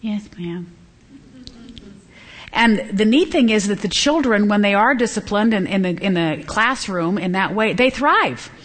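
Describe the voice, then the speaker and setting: A middle-aged woman teaching from the Bible to a women's gathering, earnest and climbing high and emphatic when she stresses a point, acting out the voices of children and parents. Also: expressive, normal speed, few pauses. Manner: acts out quoted children and parents.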